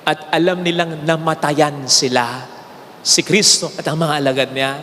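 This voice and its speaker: A man with a Filipino accent giving a homily as a priest, telling a story with lively swings between raised exclaims and low, hushed lines. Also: measured pace, a little hiss or hum. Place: large church. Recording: long church reverb with faint ambience.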